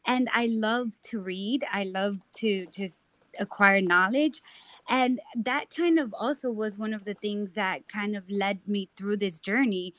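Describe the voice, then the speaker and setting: A woman's voice: medium pitch, a little slow, a bit bright, no echo. Chatty young New woman. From New York. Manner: chatty, many ums and I-means. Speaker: guest. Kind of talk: casual interview.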